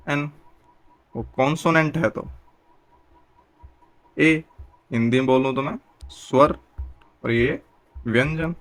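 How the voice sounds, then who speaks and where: A young man gives a patient, steady grammar lesson. He keeps putting questions to his students and then answering them himself. His voice sits at an ordinary middle pitch. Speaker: teacher.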